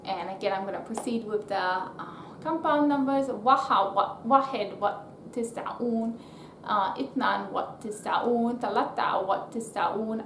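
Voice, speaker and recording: A woman giving an informal counting lesson, halting and thinking aloud as she teaches. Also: mid-range voice. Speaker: language teacher. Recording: echoey room with faint background noise.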